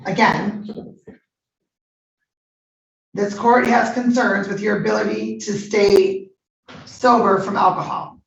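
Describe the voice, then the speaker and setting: A woman judge speaks firmly and formally, her voice slightly gravelly with a touch of fry. She comes through a courtroom recording made from a distance, roomy, echoey and dull. A little background hiss remains. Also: medium pitch, steady tone. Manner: firm, measured, formal.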